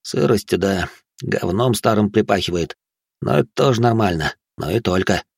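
A man voicing a gruff, tipsy beat cop. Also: fairly low pitch, normal speed, no echo, clean studio sound. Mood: grumbling. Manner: grumbling, world-weary. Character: gloomy middle-aged male beat cop, tipsy.

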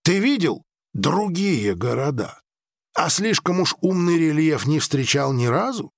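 An ancient, powerful dream-weaver who speaks in a measured, persuasive way with a faint dry irony, as a man reads him in an audiobook. The delivery swings widely in pitch. The sound is close and dry, with no room around it. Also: big pitch swings, gravelly, no room sound, heavily acted. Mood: ironic.

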